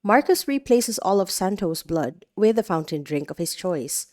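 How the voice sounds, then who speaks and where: A woman hosts a livestream and reads the game's events aloud, breaking in with playful, jokey remarks. Her pitch jumps around a lot as she talks, giving her delivery a lively, animated feel. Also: moderate pace. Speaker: host. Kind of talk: livestream reading of game events with commentary.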